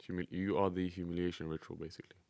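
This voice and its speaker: A man's voice: low-pitched, level tone, very fast, mellow, dry recording. A man giving casual, slangy live trading commentary as a streamer, talking directly to his viewers. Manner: slangy, addressing viewers as guys. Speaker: day trading streamer and teacher.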